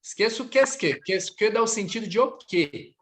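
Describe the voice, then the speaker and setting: A man's voice: high voice, lively intonation, normal speed, a bit bright. Male language teacher, patient drill style, live online class, corrects students between languages. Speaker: French teacher.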